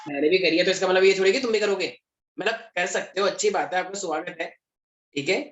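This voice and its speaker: A man's voice: sits high, fast, a bit bright. A young man from Delhi teaching a class in a chatty, joking way, mixing in English terms. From Delhi, India. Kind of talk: classroom lecture. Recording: echoey classroom.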